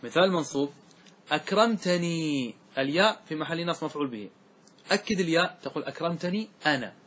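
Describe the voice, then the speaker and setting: A man teaching Arabic grammar to a class, explaining step by step, slowly reciting verse lines and asking quick check questions. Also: fairly high pitch, expressive, a bit bright, breathy edge.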